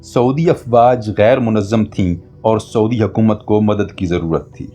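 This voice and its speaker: A man reading a scripted historical documentary narration in a steady, even manner. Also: on the low side, faint music behind. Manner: steady, even-paced storytelling.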